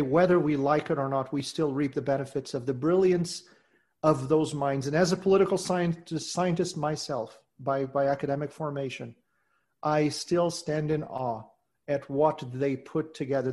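An earnest man from Portugal, a native Portuguese speaker, talks as a guest in a reflective interview. His voice is a little high and steady in tone, and his measured delivery softly trails off at the ends of phrases.

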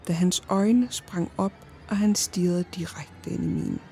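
A woman narrating a horror story in the first person, in a slow, hushed and often whispered voice. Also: lowish voice, gravelly, faint music behind.

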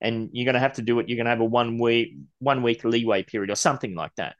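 A man's voice: medium pitch, fast, highs cut off. A man from Australia, co-hosting a podcast, ranting bluntly and swearing, with an occasional lisp when he gets worked up. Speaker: podcast co-host. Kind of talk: casual ranting chat.

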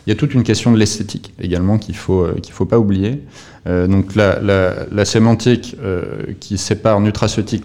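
Male podcast guest, dark and low, talks slowly around the point with lots of hesitation. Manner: explanatory, many fillers and restarts. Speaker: podcast guest, company representative. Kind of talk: podcast interview.

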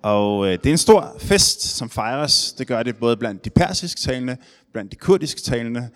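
A man opening a church service with a welcome, friendly and unhurried, with a few hesitations. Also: mid-range voice, expressive. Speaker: pastor welcoming the congregation.

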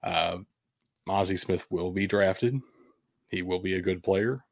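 Low-voiced man giving blunt sports opinions. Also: unhurried, creaky, dry recording. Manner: opinionated, blunt, occasionally profane. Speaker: sports show host. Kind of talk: casual sports commentary.

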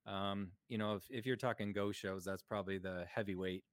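A man's voice: lowish voice, fairly even intonation, fairly quick, no room sound, studio quality. A man co-hosting a podcast, talking in a chatty, joking way with many fillers. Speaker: podcast co-host. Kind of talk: casual chat.

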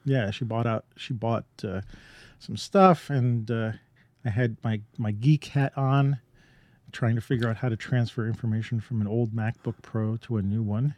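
A man's voice: medium pitch, fairly even intonation, normal speed, darkish tone, no echo. A man co-hosting a podcast, talking in a loose, rambling way with lots of fillers and restarts. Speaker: podcast co-host. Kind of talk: casual chat.

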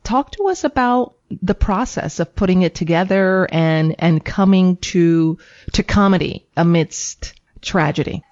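A female radio co-host who introduces her guests and asks them questions in a brisk, friendly manner. Her voice sits at a middle pitch, and the recording is somewhat dull and muffled. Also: a little mellow. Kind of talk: radio interview.

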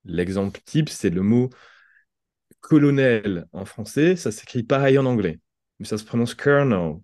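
A French man with a low, mellow voice explains pronunciation ideas in an unhurried conversational way, often restarting a phrase as he thinks. The sound is close and dry, with no room around it. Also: expressive, no echo. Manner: thoughtful, explains with examples and restarts. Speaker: podcast guest, language entrepreneur. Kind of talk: conversational interview.

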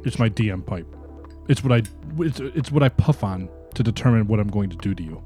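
A man's voice: on the low side, expressive, brisk, warm tone, soft background music. A man co-hosting a podcast, joking crudely and dryly, then narrating as dungeon master. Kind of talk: casual podcast banter and game narration.

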